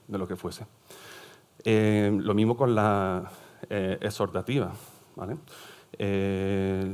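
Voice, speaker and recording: A man's voice: lowish voice, a little mellow. A middle-aged man, a teacher and psychopedagogue giving an explanatory conference talk and checking in with his audience. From southern Spain. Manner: explanatory, often checks in with "¿vale?". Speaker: primary school teacher and psychopedagogue presenting at a forum.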